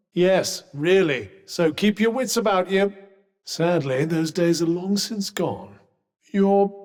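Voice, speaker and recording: A man's voice: fairly high pitch, darkish tone. A British man playing a sardonic, erudite sentient magical cuff in a video game, speaking formally with dry condescension. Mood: skeptical, dry. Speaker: video game companion character. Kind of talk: scripted video game dialogue. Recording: long echoing reverb.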